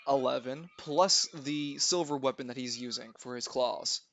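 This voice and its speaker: A man's voice: mid-range voice, normal speed, a bit bright. A man narrating a tabletop game as game master, speaking casually and swearing freely as he goes. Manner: informal, profane.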